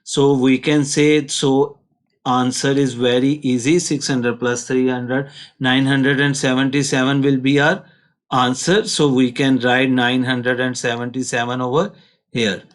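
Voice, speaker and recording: A man's voice: medium pitch, little pitch movement, unhurried. A man with a Pakistani accent teaching a maths lesson step by step, in a patient, instructional way.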